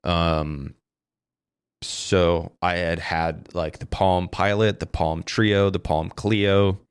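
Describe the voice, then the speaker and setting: A man's voice: deep voice, steady tone, slow pace, clear, resonant tone, dry recording. A man hosting a casual solo podcast, rambling and swearing as he corrects himself on a desk mic. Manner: rambling, profane, self-correcting. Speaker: podcast host. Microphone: desk mic through a streaming interface.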